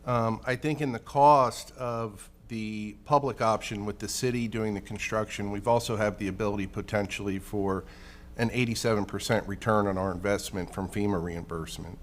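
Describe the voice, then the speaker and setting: A male city official adding a point at a council meeting, formal and measured. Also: fairly low pitch, steady tone, slight background noise.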